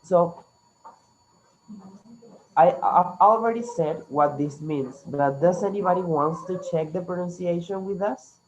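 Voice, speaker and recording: Online English teacher, Latin American Spanish accent, native Spanish speaker, mid pitch, encouraging and instructive, slightly dull class audio. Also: a little slow, background noise. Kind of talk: interactive online language lesson.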